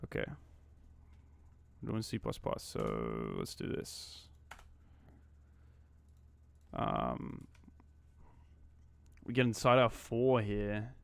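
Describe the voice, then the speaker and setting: A man's voice: fairly low pitch, wildly swooping pitch, extremely slow, creaky, long pauses. A man in his twenties from Australia, chatting casually and muttering to himself on a live stream while he codes. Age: 20s.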